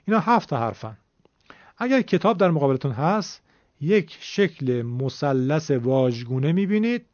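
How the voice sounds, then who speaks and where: A man's voice: on the high side, darkish tone, dry recording. A man with an Iranian Persian accent teaching tajweed, patiently explaining and repeating key points. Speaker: Quran recitation teacher. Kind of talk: tajweed lesson. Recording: dull lo-fi recording.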